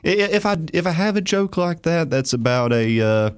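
Animated young man telling stage stories. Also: on the high side, brisk, clear, resonant tone. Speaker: stand-up comedian and podcast guest. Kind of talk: casual podcast chat. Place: small radio studio with posters. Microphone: studio boom mic with headphones.

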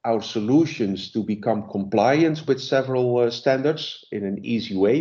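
Low-voiced man presenting a sales webinar. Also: muffled recording. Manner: relaxed, many fillers and restarts.

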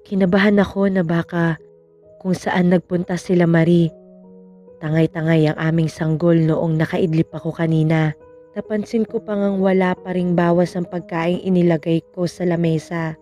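A woman narrating a scripted horror story in calm, measured first person. Her voice sits low and mellow, with soft warmth. Faint music runs underneath. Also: lo-fi sound.

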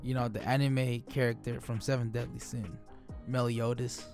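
A man in his late twenties co-hosting a casual Q&A video with his partner, talking in a relaxed, joking way with lots of fillers. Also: mid-range voice, normal speed, faint music behind. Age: 20s. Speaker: co-host of a couple's channel. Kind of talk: casual Q&A chat. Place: small home studio room. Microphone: studio microphone on a stand, close.

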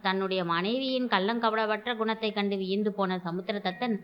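A woman hosts a storytelling show, reading a folk tale aloud and acting out the characters' lines in a raised voice. Her mid-range voice has fairly even intonation at a normal speed, and the recording has its highs cut off with a little hiss or hum.

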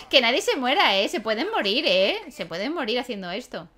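With a fairly high, sing-song, pushed and bright voice, a young woman gives relaxed let's-play commentary at a moderate pace. She plays a life-sim game for her YouTube channel, talking to her characters and laughing often.

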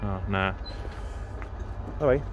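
A man's voice: low-pitched, slow pace, dull audio, slight background noise. A man filming a casual vlog on his phone outdoors on a station platform, chatty and rambling, repeating himself with fillers. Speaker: train vlogger. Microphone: handheld phone camera.

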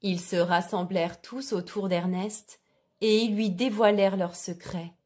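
Slow-reading woman storyteller. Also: mid-range voice. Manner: slow, clear and expressive.

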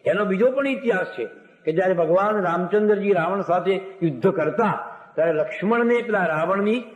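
A man's voice: sits high, brisk, dull audio. A man telling devotional stories as a sermon, narrating old myths, voicing the characters and breaking into sung verses. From Gujarat, India. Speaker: religious storyteller. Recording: echoey hall recording.

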